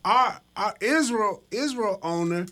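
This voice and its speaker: A man hosting a radio show, giving an animated religious teaching in an emphatic way, often repeating his words. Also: sits high, a little slow.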